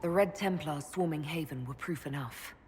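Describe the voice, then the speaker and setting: An actress playing a young female elf mage leader in a game, calm and measured. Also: low voice, slight background noise, natural voice. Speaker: player character leader.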